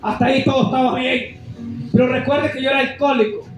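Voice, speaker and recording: A man preaching an impassioned, shouted testimony sermon as an evangelist in a church. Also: very high voice, level tone, fast talker, very echoey, recorded from a distance, soft background music.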